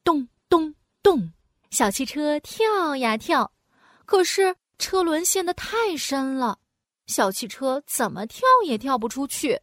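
Lively high-voiced woman storyteller. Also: measured pace, no echo, clean studio sound. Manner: animated, sing-song, with sound words. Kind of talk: children's storybook narration.

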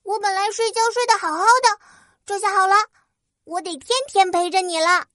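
A woman's voice: very high voice, moderate pace, bright, forceful tone, no echo, studio quality, pitched above the performer's own voice. A woman voicing a tiny, hot-tempered flower fairy girl for a children's story, with a piping little voice and a petulant, complaining manner. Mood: cross, whining.

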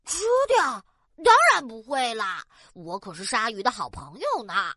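A woman's voice: on the high side, huge pitch swings, unhurried, pushed and bright, no echo, clean studio sound, full character voice. A woman voicing a small, cheerful pilot fish in a children's cartoon, chirpy and coaxing. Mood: cheerful, proud.

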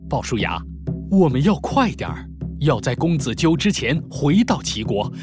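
A man voicing a clever, eager young prince in a children's storybook, with a lively, playful delivery. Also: medium pitch, normal speed, over music, close to an everyday voice. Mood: cheerful.

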